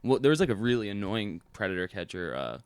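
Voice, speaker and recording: A young man co-hosting a podcast in casual chat, laid-back and agreeable, sometimes dropping to a quiet mumble. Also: fairly low pitch, sing-song, fast talker, clean tone, no echo. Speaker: podcast co-host.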